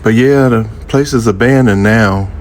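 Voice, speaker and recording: Standing outside by an old building close to a highway, this fifties-aged man from Jacksonville, United States, chats with his viewers in a folksy, easygoing manner. His Southern American voice is lowish and measured, with slight background noise. He's a vlogger sharing a personal story casually and speaking straight to his audience.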